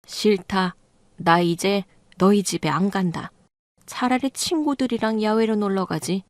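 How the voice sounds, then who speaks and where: A woman's voice: medium pitch, measured pace, no echo, clean studio sound, natural voice. A woman voicing a huffy, scolding mother. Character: grumbling middle-aged mother, offended and sharp-tongued. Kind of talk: storytelling radio reading.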